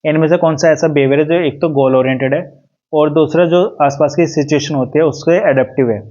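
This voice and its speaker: A man teaching exam preparation, reading English questions slowly and explaining each answer step by step. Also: a little high, fairly even intonation, dark tone, highs cut off. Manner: reads English questions slowly, explains in Hindi with "ठीक है" and "देखो".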